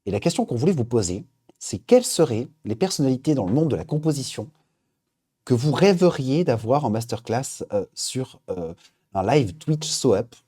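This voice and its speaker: A man's voice: medium pitch, very animated, normal speed, mellow, slightly rough. A man hosting a live stream, chatting casually as he reads out viewer suggestions. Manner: upbeat, chatty, thinking aloud. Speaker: livestream host.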